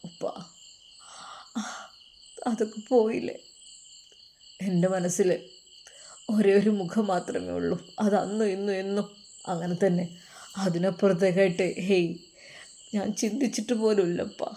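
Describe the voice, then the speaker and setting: A lovesick young man, tearful and withdrawn, speaking low and halting about a love he has lost, voiced by a woman storyteller. His lines come softer and lower than the narration. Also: steady tone, close to an everyday voice. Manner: hushed, halting, sorrowful.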